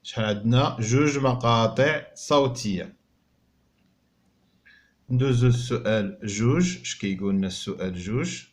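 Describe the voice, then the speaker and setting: Moroccan teacher sounding out words slowly. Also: male voice, medium pitch. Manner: sounds out French words slowly and clearly, then explains quickly. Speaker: primary school teacher. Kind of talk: French reading lesson explained in Moroccan Arabic.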